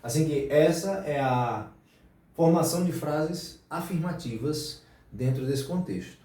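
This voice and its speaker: A man explains English grammar. He is slow and patient and repeats each example. His voice is mellow and sits back from the mic, in a strongly echoing room. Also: fairly high pitch, expressive. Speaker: English teacher. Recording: very echoey room, distant mic.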